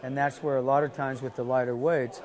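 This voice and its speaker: A man's voice: mid-range voice, steady tone, brisk, crowd noise. A man coaching a lifter live, giving insistent, repeated short commands. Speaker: weightlifting coach.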